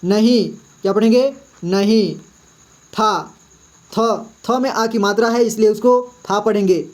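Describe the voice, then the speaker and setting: A man walks through a reading lesson one word at a time. He sounds out each syllable slowly and patiently and keeps checking that his students are following. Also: sits high, steady tone. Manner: patient, slow syllable-by-syllable sounding out, frequent "ठीक है" check-ins. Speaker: Hindi reading teacher.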